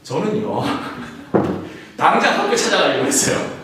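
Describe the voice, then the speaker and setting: A man's voice: fairly high pitch, sing-song, unhurried. A man preaching a sermon as a pastor, in a conversational way, acting out the voices he quotes. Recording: echoey hall from far off with faint noise.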